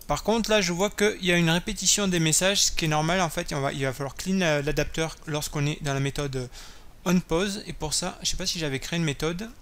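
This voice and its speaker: A man's voice: a little high, brisk, fairly bright tone. A man hosting a coding tutorial, thinking aloud while typing, with many fillers and self-corrections. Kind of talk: screen-recorded coding tutorial. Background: keyboard typing and clicks.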